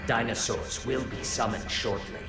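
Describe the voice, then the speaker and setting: A cool male AI overseer runs a video game match. His low voice is formal and detached. It sounds distant and echoey, with loud music behind it. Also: moderate pace, vocal fry. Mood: detached, commanding. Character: cool, commanding male artificial intelligence overseeing a war game. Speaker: match announcer. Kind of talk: scripted video game announcements.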